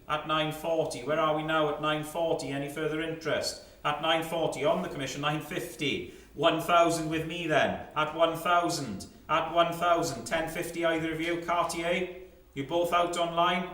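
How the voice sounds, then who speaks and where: A man's voice: fairly high pitch, a bit bright. A man working as a fine art auctioneer, calling lots and repeating bid figures in clipped, rolling phrases. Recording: roomy, echoing sound.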